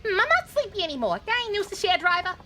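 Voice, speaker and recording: A woman's voice: very high-pitched, sing-song, fast talker, sharp tone, a little hiss or hum, voice pushed up, exaggerated voice. A woman voicing a brash, bossy woman taxi passenger from out of town, with a put-on Southern drawl. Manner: gruff, bossy, jokey.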